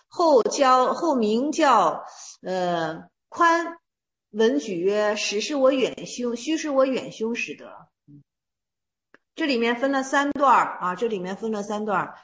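A woman teaching a class on Chan Buddhist texts. She reads each passage slowly, then retells it in plain speech, repeating herself and using fillers. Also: fairly high pitch, a bit bright. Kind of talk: reading and explaining old texts in a class.

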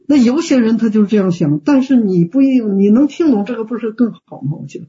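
A man's voice: high voice, animated, fast talker, warm tone, breathy edge. A man teaching Buddhist practice in an online Q&A, plain-spoken and folksy, full of fillers and rhetorical questions. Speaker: Buddhist teacher answering students. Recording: dull lo-fi call audio.

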